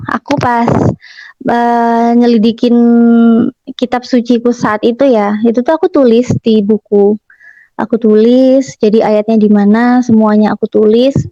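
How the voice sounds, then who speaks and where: A woman's voice: a little high, mellow, dry recording. A young adult woman telling a personal story in a chatty way, retelling family conversations with lots of fillers. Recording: muffled dry recording.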